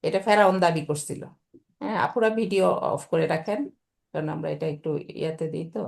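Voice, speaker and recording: A woman with a somewhat low voice teaches an online class, explaining step by step. She keeps asking her students if they follow, in a patient teacher's manner, heard through a video call. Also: fairly quick, vocal fry, darkish tone. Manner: explains patiently, often checks "okay?" with students. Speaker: Quran teacher.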